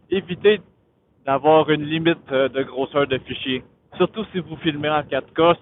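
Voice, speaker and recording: A Quebec French-accented motovlogger who hosts his own channel, his voice on the high side, explains tech casually while riding his motorcycle outdoors. He hesitates and halts, thinking aloud. It's captured through a Bluetooth helmet intercom, so it sounds muffled and phone-like, with riding noise.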